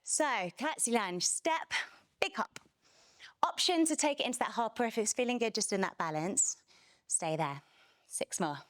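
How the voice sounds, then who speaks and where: A young woman instructor calls out reps and cues in a fairly high, bright-sounding voice, a bit winded as she works through the moves herself. The sound is dry and close, with no room echo. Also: moderate pace. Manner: energetic counting and cueing. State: out of breath. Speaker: fitness instructor. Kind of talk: workout class cueing.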